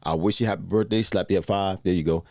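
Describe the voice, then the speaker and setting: A man's voice: low voice, fairly even intonation, fast talker, vocal fry, darkish tone, dry recording, studio quality. A man in his sixties hosting a casual live show, chatting loosely and greeting viewers by name. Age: 60s. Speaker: host. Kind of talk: casual livestream chat with viewers.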